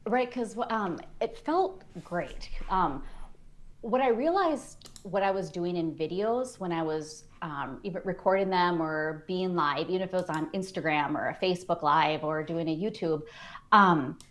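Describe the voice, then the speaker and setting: A woman's voice: fairly low pitch, a little slow, a bit bright. A woman guest in a casual interview, chatty and self-deprecating, talking with frequent fillers.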